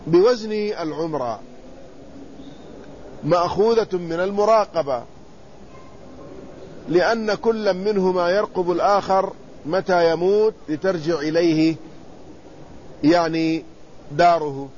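A man's voice: high voice, darkish tone. A man teaching an Islamic lesson, reading a classical hadith commentary aloud and explaining each phrase in plain words, sometimes asking a question and answering it himself. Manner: reads quoted text then explains it plainly, pausing to ask and answer himself. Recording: slightly muffled recording with faint background noise.

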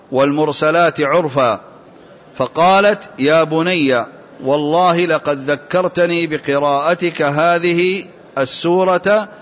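Male student reader, formal steady recitation, dull lo-fi recording. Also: a little high. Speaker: student reading aloud to a teacher. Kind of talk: reciting a classical text. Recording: dull lo-fi sound.

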